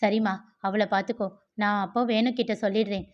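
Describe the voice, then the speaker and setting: A woman voicing a soft-spoken, worried husband in a read-aloud novel, calm and reassuring, on a slightly dull recording. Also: mid-range voice, fast, close to an everyday voice.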